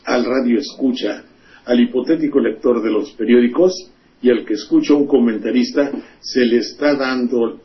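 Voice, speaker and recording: Scornful man ranting on radio. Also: mid-range voice. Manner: scornful, profane, rhetorical questions. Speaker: radio host and commentator. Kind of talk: indignant political commentary. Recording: dull lo-fi radio recording, faint hiss.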